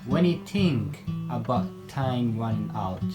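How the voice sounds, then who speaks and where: Slow, reflective male narrator. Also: medium pitch, expressive. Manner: slow and measured, building an image step by step. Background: guitar music.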